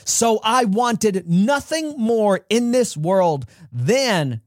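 A man's voice: animated, drawn-out words, dry recording, studio quality. Earnest man telling a personal story. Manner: earnest, acts out quotes with big jumps in pitch. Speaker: podcast host.

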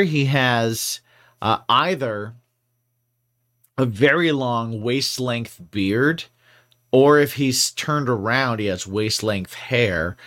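In a loose podcast conversation, a male co-host with a mid-range, somewhat bright voice rambles playfully and uses a lot of fillers.

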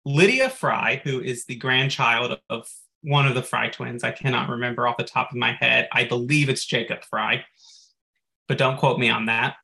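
A man's voice: mid-range voice, normal speed, gravelly, pushed and bright. A man co-hosting a podcast in casual chat, recapping game lore at length and dropping in frequent "like" asides. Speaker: podcast co-host.

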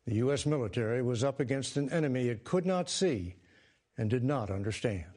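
A man's voice: medium pitch, expressive, a little fast, darkish tone. A man with an American accent delivering a scripted broadcast news report. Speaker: news correspondent.

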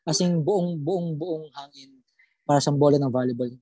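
A young adult telling a personal ghost story in casual conversation, halting and repeating words while recalling details. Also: mid-range voice, warm tone, no echo.

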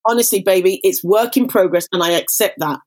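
A woman's voice: medium pitch, fairly quick, a little mellow. A woman life coach who speaks as a podcast guest in an emphatic, motivational way and uses catchphrases. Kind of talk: casual conversation.

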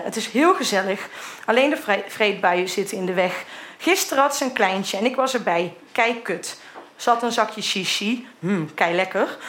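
A middle-aged woman from the Netherlands reads her old teenage diary entries aloud in a candid way, now and then laughing at what she wrote. Her voice is fairly high and fairly bright.

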